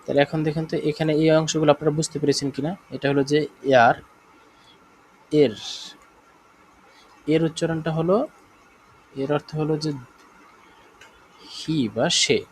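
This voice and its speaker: A man with a Bangladeshi Bengali accent teaching a live online German class, explaining slowly, repeating himself and often checking that students follow. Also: on the high side, fairly even intonation, slight background noise, poor audio.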